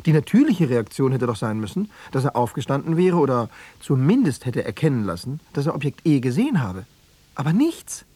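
In radio play dialogue, an actor voices a cool, pedantic analyst for the East secret police, lecturing self-assuredly with self-satisfied analysis. His medium-pitched voice is warm, husky, sing-song and fairly quick, with no echo.

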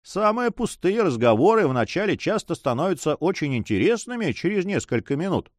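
A man's voice: sits high, sing-song, fairly quick, no room sound, pitched above the performer's own voice. A man voicing a cool, mocking male pirate captain who speaks with dry sarcasm, in an audiobook reading. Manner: ironic, coolly sarcastic.

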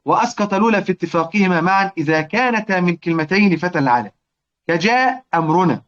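A man with an Egyptian accent teaching a recitation lesson, often checking that his students follow and slowly chanting lines of verse. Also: high voice, fairly bright tone, dull audio. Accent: Egyptian Arabic. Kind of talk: classroom lesson explaining verse.

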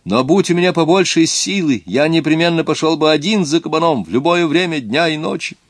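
A man's voice: a little high, a little fast, dry recording, voice pushed up. A man voicing a proud teenage boy.

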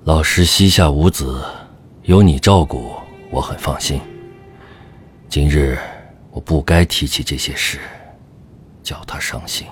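A male actor playing an earnest, troubled government minister in a Chinese historical audio drama, speaking in a hushed, weighty way. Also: a bass voice, unhurried, faint music behind. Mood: worried, subdued.

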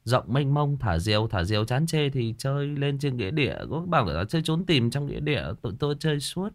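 A man's voice: medium pitch, fast talker. A man, hosting a livestream, chatting casually with viewers and telling childhood stories. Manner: animated, chatty, addresses viewers and answers comments. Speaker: livestream host.

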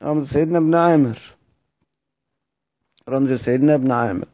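A man's voice: mid-range voice, brisk, mellow, no echo. A man with an Egyptian accent teaching a lesson on Quranic readings, who asks his listeners questions, repeats them, and then answers them himself. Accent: Egyptian Arabic. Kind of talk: explanatory lesson.

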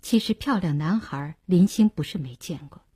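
A woman narrating a novel as an audiobook in a measured, expressive storytelling manner. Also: fairly low pitch, breathy edge.

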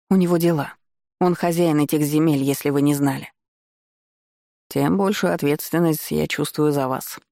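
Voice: mid-range voice, a little mellow, no room sound, clean studio sound. Ровное чтение фэнтези от первого лица голосом средней высоты. Звук близкий и сухой. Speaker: чтец.

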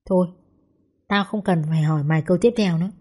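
A woman reading the lines of a loud, blunt young mother who is the narrator's best friend, with a husky, mellow tone. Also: lowish voice, fast talker. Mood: excited. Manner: loud, blunt, swears casually. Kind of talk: audiobook character dialogue.

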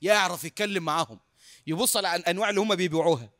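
A man with an Egyptian accent preaching through a lively story, acting out the dialogue and laughing often. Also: sits high, racing, no echo, clean studio sound. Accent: Egyptian Arabic. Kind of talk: sermon storytelling.

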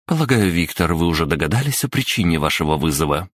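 Stern headmistress, a deep-voiced male narrator pitching up, formal and clipped, dry studio read. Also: very animated, quick pace, no echo. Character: stern female school headmistress, middle-aged.

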